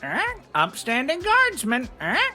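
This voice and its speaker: A woman voicing a small, shrill, suspicious cartoon creature in a video game, huffy and questioning. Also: huge pitch swings, takes it slowly, music in the background, full character voice. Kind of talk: video game character acting.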